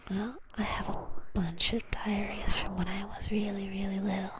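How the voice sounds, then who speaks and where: A woman's voice: medium pitch, flat delivery, normal speed, very noisy. A woman streamer whispering a drowsy, playful and teasing ASMR ramble with whispered role-play, very close to the mic. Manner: sleepy, drowsy. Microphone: close mic, cupped whispering at the ear.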